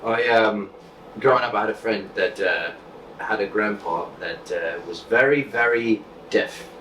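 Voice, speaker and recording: A man's voice: on the low side, measured pace, a bit bright. A man talking as a guest on a casual podcast, direct and projecting from the diaphragm. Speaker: podcast guest, content creator and magician. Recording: echoey room, distant mic, faint noise.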